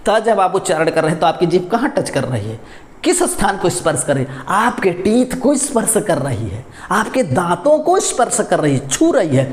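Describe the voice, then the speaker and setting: "My dear children," a male teacher calls his young viewers as he patiently works through pronunciation, repeating syllables and asking them questions. His high-pitched voice is very animated at a normal speed, heard in a reverberant space with slight background noise.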